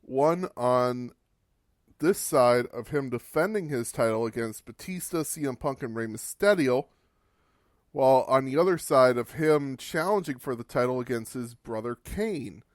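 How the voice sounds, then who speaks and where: A man's voice: mid-range voice, animated, measured pace, no room sound, studio quality. A man hosting a podcast, giving a casual, wry recap of old wrestling matches and swearing for laughs. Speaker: podcast host.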